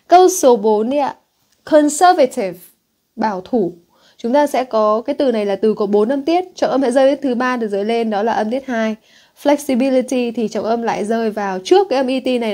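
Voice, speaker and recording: Her voice is a little high and mellow. Teaching exam prep with a Northern Vietnamese accent, this woman reads English words out before explaining them, frequently asking her students whether they're keeping up.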